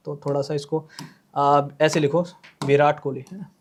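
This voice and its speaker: A man's voice: on the high side, little pitch movement. A man teaching an English grammar lesson in Hindi, repeating each point and often checking whether the viewers, whom he calls friends, have understood. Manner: repetitive, checks in with "clear hai na?"; slows down while writing examples.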